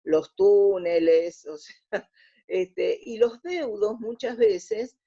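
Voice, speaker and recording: An Argentine woman speaks very slowly in a medium-pitched, dark voice with a breathy edge, and the recording has its highs cut off. She's an interview guest who researches radio drama, explaining things conversationally in Argentine Spanish and often rephrasing mid-sentence.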